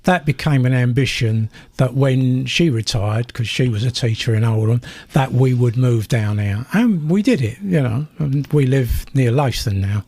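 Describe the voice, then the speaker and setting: Older South London man, animated storyteller. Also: medium pitch, normal speed, hardly any pauses, slightly rough, no echo. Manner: animated storyteller, acts out dialogue. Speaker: guest. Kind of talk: radio interview.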